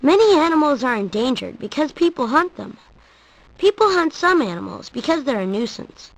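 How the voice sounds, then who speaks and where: A woman's voice: high voice, sing-song, normal speed, low-quality recording. A woman reading scripted educational narration about nature.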